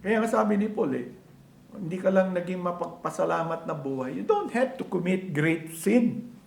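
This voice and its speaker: Filipino male preacher, higher register, asks the congregation question after question, reverberant church sound. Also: animated, moderate pace, creaky. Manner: switches between Tagalog and English, conversational preaching with rhetorical questions. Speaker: pastor. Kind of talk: sermon.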